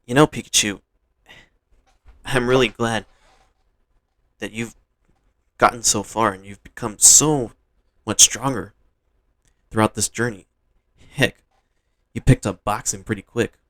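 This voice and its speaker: Man doing an earnest young trainer, competitive, hesitant at times, low voice, dry sound. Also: steady tone, unhurried, long pauses, a bit bright, no echo.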